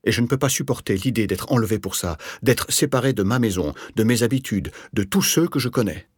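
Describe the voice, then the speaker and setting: A man's voice: animated, normal speed, breathy edge, no room sound, clean studio sound. A man voicing an anxious, touchy middle-aged rentier in an audiobook, speaking in a raised, agitated voice. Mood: vehement. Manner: agitated, defensive, raised pitch. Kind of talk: audiobook character voice.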